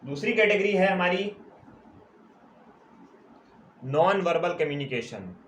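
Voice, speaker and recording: A man with a slightly raised pitch gives a classroom lecture, writing on a board as he goes. He repeats each key term slowly and keeps checking that students follow. A faint hiss sits under the recording. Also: expressive, fairly bright tone. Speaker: commerce teacher.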